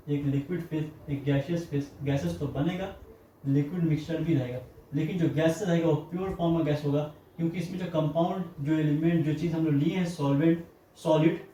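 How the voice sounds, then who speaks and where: A man's voice: on the high side, mellow, lo-fi sound. Distant-sounding man teaching chemistry. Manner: explains step by step with rhetorical questions and everyday examples. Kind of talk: classroom lecture. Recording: roomy echo, distant mic, faint noise.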